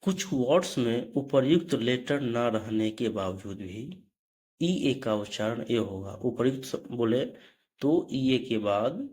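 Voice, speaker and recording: Unhurried and a little mellow, a man with a medium pitch and lively intonation teaches English pronunciation in a slow explanatory lesson. He spells words out one letter at a time, says them, and occasionally corrects himself along the way.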